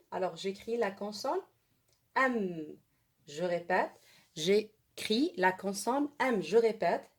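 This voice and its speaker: Arabic-accented woman teaching French slowly. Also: medium pitch. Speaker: primary school French teacher. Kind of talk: online lesson for children.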